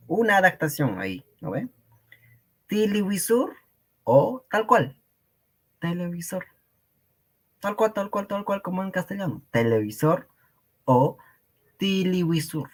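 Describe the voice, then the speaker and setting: A man teaching a Quechua class online, patiently repeating and explaining words for his students, with a Peruvian Spanish accent. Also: on the high side.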